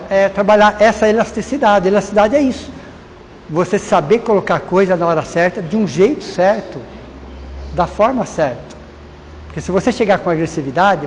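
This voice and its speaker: A man's voice: high-pitched, a little mellow. A Brazilian man giving an informal lecture to a live class, chatty and repeating key words, often quizzing the audience. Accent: Brazilian Portuguese. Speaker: lecturer at a spiritist course. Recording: reverberant hall with faint noise.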